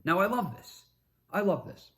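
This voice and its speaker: A young man hosting a sports talk show, recapping games in an excitable monologue that swings between calm recaps and shouted hype. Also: high voice, normal speed. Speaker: sports podcast host. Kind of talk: energetic sports commentary monologue.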